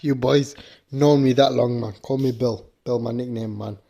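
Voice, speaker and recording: A man talking casually to his friends in a voice message played back on a podcast, in a relaxed, jokey way. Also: mid-range voice, moderate pace.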